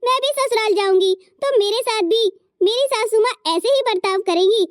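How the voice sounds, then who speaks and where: A woman's voice: extremely high pitch, normal speed, dry recording, studio quality. A woman voicing a sweet teenage sister-in-law. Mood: pleading. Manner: earnest, pleading. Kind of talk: cartoon story voice acting.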